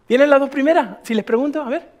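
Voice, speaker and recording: A man's voice: extremely high pitch, fast talker. A man, a pastor preaching emphatically to a church, firing off rhetorical questions. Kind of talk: sermon.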